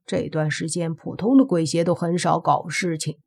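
A woman voicing a goofy, easygoing young man, a sidekick in an audiobook, with slow, drawling talk. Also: sits low, fairly even intonation, gravelly, darkish tone, husky, full character voice. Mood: wistful.

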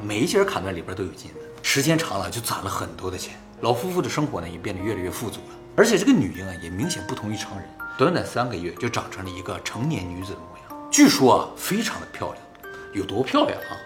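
Guy doing casual fireside storytelling, talks fast n animated, explains stuff as he goes, bit of music under. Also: lowish voice. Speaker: host and storyteller. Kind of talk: casual storytelling narration, like telling an old tale by the fire.

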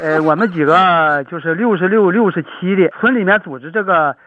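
Thick-tongued, high-pitched man with a Chaoyang accent. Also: a little fast, noisy background. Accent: Chaoyang, Liaoning. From rural Chaoyang, Liaoning, northeast China. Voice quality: thick-tongued, slightly slurred speech. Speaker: farmer and amateur village performer, interview guest. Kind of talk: informal interview answers. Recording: dull radio-like sound, faint crowd.

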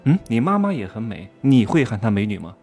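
Gravelly low-voiced man, provocative monologue. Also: very animated, a little fast, a little mellow, soft background music. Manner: provocative, rhetorical questions, teasing. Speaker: self-styled commentator. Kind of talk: casual monologue commentary.

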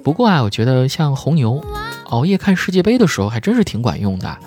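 A man hosting a comedy podcast, telling jokes and stories in a playful, animated way. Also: medium pitch, fast talker. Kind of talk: scripted comic storytelling. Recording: music bed behind voice.

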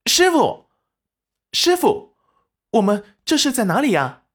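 Brief: man voicing young heroine, strongly raised falsetto-like pitch, eager and girlish. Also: wildly swooping pitch, normal speed, pushed and bright, heavily acted. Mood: bewildered. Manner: high, eager calls.

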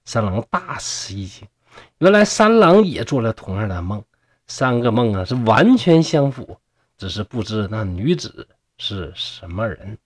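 Male storyteller, Northeastern Mandarin accent, chatty and humorous, lively intonation, dry close-miked sound. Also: lowish voice, measured pace, no echo. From Shenyang, Liaoning, China. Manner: chatty, folksy, explains old texts with colloquial asides. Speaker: storyteller host.

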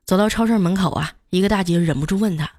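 A woman host with a fairly low, darkish voice tells comic anecdotes fast, in a studio-quality recording with no room sound. Her scripted storytelling is chatty and driven by punchlines.

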